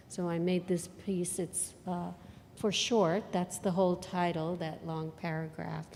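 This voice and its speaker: A woman from Bangladesh, an artist, talking about her work in a live on-stage interview with thoughtful pauses between phrases. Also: lowish voice, mellow, long reverb tail, slight background noise.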